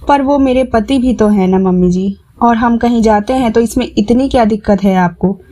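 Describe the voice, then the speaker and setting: A woman's voice: a little high, normal speed, mellow, natural voice. Woman voicing a timid young daughter-in-law.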